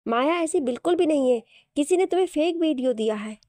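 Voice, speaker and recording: A scheming middle-aged woman with falsely soothing words, as a woman storyteller puts her on. The voice is fairly high and mellow, close and dry. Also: animated, brisk, no echo. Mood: falsely sweet.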